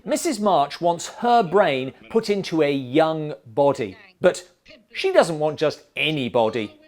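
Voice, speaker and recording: A man's voice: fairly high pitch, expressive, measured pace, darkish tone. Dry, sarcastic male film reviewer.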